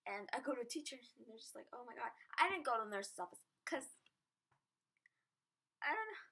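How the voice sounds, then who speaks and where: A woman's voice: a little high, very animated, fairly quick, pushed and bright, breathy edge, poor audio. A teenage girl telling a story in a casual vlog, chatty and self-mocking. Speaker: vlogger.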